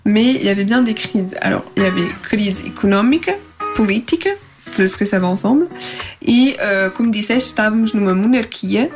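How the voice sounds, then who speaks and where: A woman with a European Portuguese accent, hosting a radio segment and explaining a history topic in a chatty, teaching way. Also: on the high side. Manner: explanatory, switches between Portuguese and French. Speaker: radio host. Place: radio studio.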